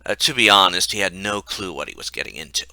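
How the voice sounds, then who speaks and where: A man's voice: low-pitched, lively intonation, quick pace, creaky, pushed and bright, clean tone, no room sound. A man reading his own comic story aloud in a wry, mocking way.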